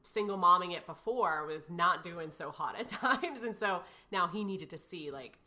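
A woman in her thirties tells a painful personal story as an interview guest. Her voice sits a little low but sounds bright and forward. She rambles, circles back and fills gaps with "you know" and "like.". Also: animated, normal speed. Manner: emotional, rambling, many fillers and restarts.

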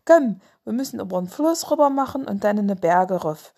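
A woman's voice: medium pitch, expressive, fairly quick, mellow. A woman voicing a big, cheerful, helpful hippo in a storybook reading, speaking up eagerly.

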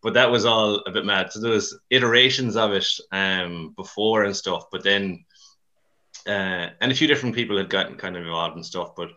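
A man's voice: on the low side, brisk, pushed and bright, dull audio. A man with a west of Ireland accent chatting casually in an interview, rambling and colloquial, with a self-deprecating touch. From Mayo and Dublin, Ireland. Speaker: CrossFit coach, podcast guest.

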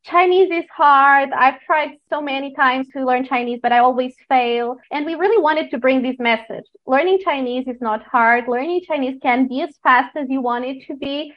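A woman's voice: sits high, moderate pace, hardly any pauses. Upbeat woman from Portugal, lo-fi. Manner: upbeat and motivational. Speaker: host and life coach. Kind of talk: podcast conversation.

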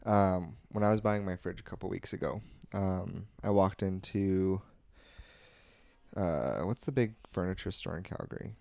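A man's voice: low voice, unhurried, gravelly, a little mellow, no echo. A young man co-hosting a podcast, telling stories in a loose, filler-heavy way and acting out the lines he quotes. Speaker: podcast co-host. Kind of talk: casual storytelling chat.

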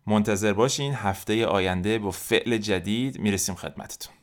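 A man hosting a podcast language lesson, explaining steadily and repeating example sentences slowly and clearly. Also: lowish voice. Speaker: French teacher, podcast host.

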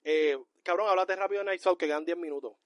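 A man co-hosting a podcast in casual pop-culture chat, ranting loudly with lots of profanity. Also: high-pitched, quick pace, dry recording. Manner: loud, profane, animated ranting. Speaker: podcast co-host.

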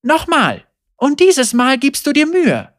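A man's voice: very high voice, huge pitch swings, takes it slowly, a bit bright, no echo, studio quality, voice pushed up, full character voice. A man reading a story aloud and voicing a young woman who teases and firmly instructs her lover. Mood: playful commanding. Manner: playful yet firm, instructing. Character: teasing, commanding young woman, a gunfighter's lover.

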